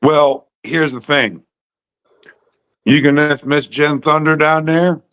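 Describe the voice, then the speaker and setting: A man's voice: a little high, steady tone, slow pace, a bit bright, smooth. A man in his fifties hosting a livestream, chatting casually over a video call in an easygoing, reassuring way. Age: 50s. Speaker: livestream host. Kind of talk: casual chat.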